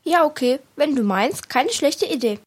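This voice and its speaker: A woman's voice: sits high, expressive, moderate pace. A woman voicing a small, cheerful, kobold-like little man in a children's audio story.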